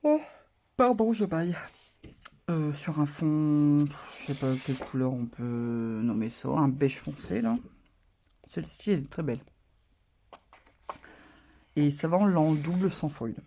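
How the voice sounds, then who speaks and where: Gravelly, mellow papercraft vlogger. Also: medium pitch, unhurried, pauses often, a little hiss or hum. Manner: relaxed, chatty, lots of small hesitations. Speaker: papercraft channel host. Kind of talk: casual haul show-and-tell.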